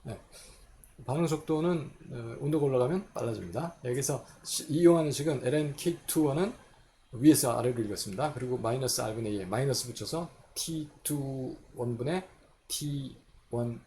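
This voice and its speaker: A man's voice: medium pitch, moderate pace, warm tone, slight background noise. A man giving a recorded chemistry lecture, working through equations step by step and asking and answering his own questions.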